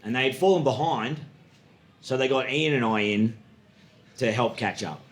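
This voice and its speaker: A man in his late thirties with an Australian accent, telling stories in a stand-up comedy set and acting out high, excited voices. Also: normal speed. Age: 30s. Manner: storytelling, acts out voices with sudden high excited jumps. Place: comedy club stage. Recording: echoey club room with audience.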